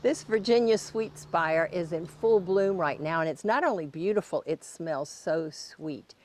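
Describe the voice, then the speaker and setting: A woman's voice: lowish voice, measured pace, darkish tone, a little hiss or hum. A woman narrating a garden tour as host, in a plain-spoken, instructional way.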